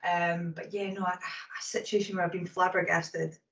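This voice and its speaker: A Scottish woman, a hockey umpire, answers interview questions about refereeing quickly, packing her speech with ums and you-knows. Her voice is on the low side, level, a bit bright, with vocal fry. Sitting back from the mic, she sounds faint, with a roomy echo.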